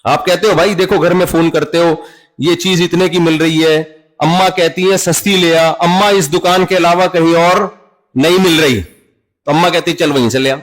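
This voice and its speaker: A man's voice: on the high side, fairly even intonation, moderate pace, low-quality recording. A man with an Urdu-speaking Pakistani accent giving a sermon, talking conversationally and acting out little dialogues with everyday examples. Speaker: Islamic preacher.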